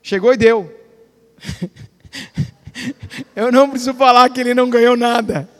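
A Brazilian man preaching with a strikingly high voice. He tells stories, plays out the dialogue and swings between loud declarations and hushed asides. His voice carries a long reverb, as in a large hall. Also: steady tone, slow. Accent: Brazilian Portuguese. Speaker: pastor. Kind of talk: sermon.

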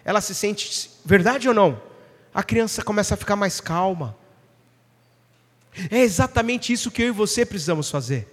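Male preacher, high voice, emphatic sermon delivery with questions to the congregation, long hall reverb. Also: lively intonation, moderate pace, long pauses.

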